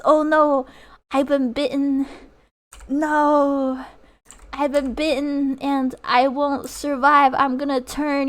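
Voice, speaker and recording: A woman's voice: a little high, clear, resonant tone, no echo, natural voice. A woman acting as a melodramatic voice-pack heroine. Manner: overdramatic, mock-heroic. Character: dramatic young woman in a zombie-survival voice pack.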